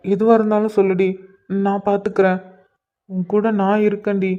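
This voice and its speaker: A man voicing a gentle, devoted young husband in a cartoon, coaxing and soothing his crying wife. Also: sits high, little pitch movement, normal speed, dull audio, close to an everyday voice. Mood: soothing, tender.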